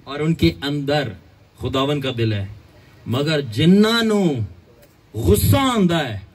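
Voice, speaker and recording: A male pastor preaching a sermon emphatically, with a tinge and long pauses. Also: fairly high pitch, darkish tone, slightly rough, poor audio.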